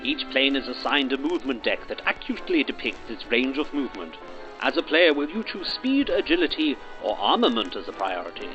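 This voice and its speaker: A man's voice: medium pitch, very animated, a little fast. Man narrating a dramatic scripted review. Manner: dramatic, documentary-like delivery. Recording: dull voice-over with music bed.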